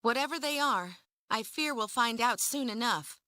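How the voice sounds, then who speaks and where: A woman's voice: a little high, lively intonation, normal speed, bright, forceful tone, no room sound. A woman playing a cool, serious young heroine in a video game, composed and matter-of-fact. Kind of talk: dramatic video game voice acting.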